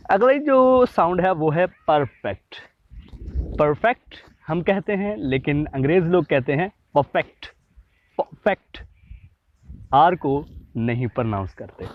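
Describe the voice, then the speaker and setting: A man giving a pronunciation lesson, slowing down to sound out example words one at a time. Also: a little high. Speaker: English pronunciation teacher. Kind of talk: explanatory lesson. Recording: dull lo-fi audio.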